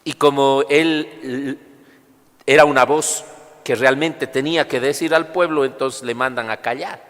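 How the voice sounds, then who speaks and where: A male priest's voice rings through a long, cathedral-like church echo. His pitch sits in the middle as he proclaims and preaches at Mass. The delivery is solemn, deliberate and instructive. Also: a bit bright. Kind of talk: liturgical proclamation and homily. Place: large reverberant church during livestreamed Mass.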